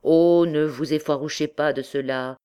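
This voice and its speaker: A woman's voice: deep voice, measured pace, darkish tone. A woman voicing a young army captain who answers in an offhand, evasive way.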